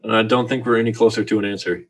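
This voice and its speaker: Low-voiced relaxed podcast host. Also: male voice, racing. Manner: relaxed, asks rambling questions. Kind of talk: casual podcast chat.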